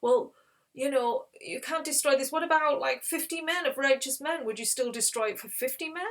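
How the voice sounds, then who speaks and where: A woman lightly plays an aged patriarch in a storybook retelling, full of incredulous questions. He pleads in a voice pitched a little above her usual talk. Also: fast talker, fairly bright tone, close to an everyday voice. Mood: pleading. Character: old man, astonished aged patriarch.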